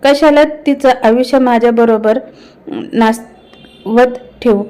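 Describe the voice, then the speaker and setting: A woman's voice: on the high side, fairly even intonation, takes it slowly, dark tone, clear, resonant tone, low-quality recording. Woman reading as an ashamed village husband. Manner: rustic village speech.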